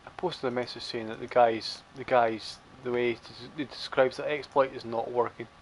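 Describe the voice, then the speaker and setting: A man talks his way through a live game stream in a rambling, chatty way. He drops dry, sarcastic asides now and then. Faint game sounds run quietly beneath his voice. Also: mid-range voice, steady tone, normal speed, slight background noise, low-quality recording. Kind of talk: live gameplay commentary.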